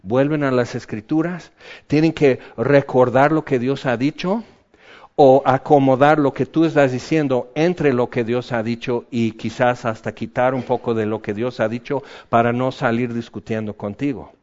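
A man preaches a sermon with theatrical flair. He swings from loud exclamations down to hushed, quiet asides. The recording is dull and lo-fi. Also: mid-range voice, fairly even intonation, normal speed.

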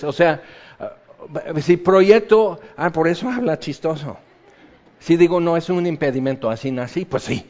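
American-accented man preaching with lively acted asides. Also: sits high, muffled recording. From United States. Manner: animated, acts out imagined voices and questions. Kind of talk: sermon.

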